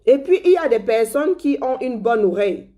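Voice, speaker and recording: A woman's voice: on the high side, expressive, moderate pace, mellow. A woman from Cameroon with a Cameroonian French accent, delivering a sarcastic, scornful political commentary.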